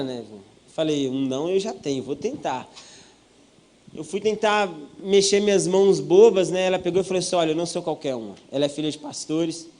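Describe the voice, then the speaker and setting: A man's voice: high voice, darkish tone. A young Brazilian man preaching as a pastor, telling his own story with jokes and acting out what people said. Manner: storytelling with jokes and acted-out quotes. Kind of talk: humorous testimony sermon.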